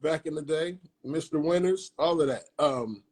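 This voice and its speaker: A man, telling stories casually in a slangy, animated way. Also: on the high side, moderate pace, slightly rough. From Peoria, Illinois, USA. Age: 50s. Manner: animated retelling with acted-out dialogue, slangy. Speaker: barber telling his story. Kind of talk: casual storytelling in an interview.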